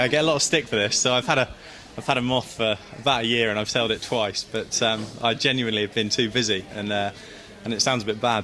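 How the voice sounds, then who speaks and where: A man's voice: on the low side, sharp tone. A young man, a sailor being interviewed, chatting in an upbeat, self-deprecating way. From Great Britain. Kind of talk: casual post-race interview.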